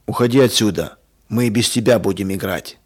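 Brief: a man reading a bratty little boy in a children's story, yelling and sulky. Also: lowish voice, fairly quick, slightly rough. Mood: quarrelsome.

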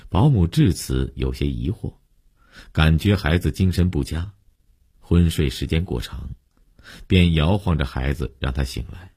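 A man narrates a serialized story in a steady, measured voice. His voice sits extremely low with a husky grain. The recording is dry and close. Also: no room sound.

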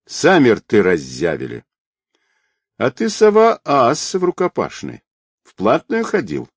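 A man's voice: mid-range voice, huge pitch swings, unhurried, vocal fry, breathy edge, dry recording, pitched above the performer's own voice, heavily acted. A sneering fake police captain , put on by a male reader, who swings between mockery and cold threats. His voice leaps up when he taunts and sits in a dry, close recording. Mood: threatening. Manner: mocking, sarcastic, threatening.

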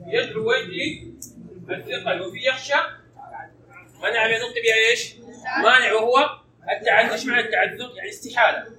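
A male grammar teacher giving a classroom lesson, firing quick questions at his students. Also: extremely high pitch. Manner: quizzing students with rapid questions. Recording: echoey room, distant mic, background noise.

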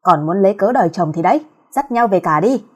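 A coarse, scornful middle-aged woman grumbles and hurls curses at a neighbor. Her voice is mellow and slightly husky under the harsh words, as a woman puts her on. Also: mid-range voice, lively intonation, fairly quick. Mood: scolding. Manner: grumbling, cursing, scolding.

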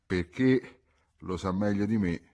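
A man voicing a guarded old peasant woman who talks plainly in a storybook reading, with a husky voice. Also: lowish voice, a little slow, a little mellow.

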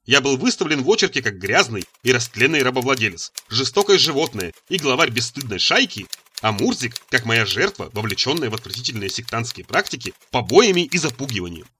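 A man's voice: medium pitch, very animated, fairly quick, bright, forceful tone, a little hiss or hum. A man reading a story aloud as the narrator, expressively acting out the dialogue. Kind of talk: audiobook reading.

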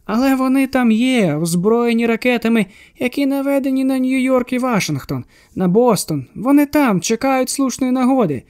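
A man's voice: very high voice, lively intonation, normal speed, hardly any pauses, a little mellow, clean tone, voice pushed up. A man putting on a manic bald asylum patient. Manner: eager, insistent, childlike sing-song. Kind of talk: audiobook character voice.

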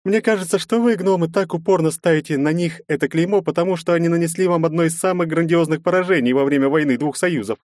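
A man putting on a sharp-tongued young woman. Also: a little high, quick pace, few pauses, no room sound, clean studio sound, voice pushed up, natural voice. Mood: lecturing. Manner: mocking, lecturing. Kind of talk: audiobook narration.

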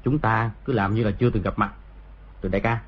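A man voicing a cunning young schemer in an audiobook, plotting in a low, husky voice. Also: fairly even intonation, fairly quick. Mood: scheming. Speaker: audiobook voice actor. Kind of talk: audiobook dialogue reading. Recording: dull lo-fi audio.

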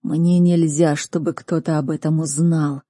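A woman's voice: sits low, fairly even intonation, unhurried, warm tone, husky, no room sound, studio quality. A woman voicing an anxious but commanding young female healer student, urgent and raised in a storybook reading. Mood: frightened.

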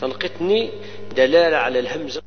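A man teaches the rules of Quran recitation, explaining each rule and then reciting example words slowly and repeating them. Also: on the high side, lively intonation, faint music behind. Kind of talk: tajweed lesson with recited examples. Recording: dull lo-fi recording with long reverb and hum.

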